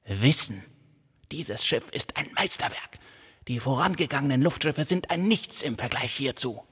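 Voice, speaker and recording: A man voicing a grieving, half-mad old father in an audiobook, with a soft, androgynous voice and a dangerous edge of madness underneath. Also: medium pitch, lively intonation, moderate pace, breathy edge, long reverb tail, pitched above the performer's own voice. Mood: frantic.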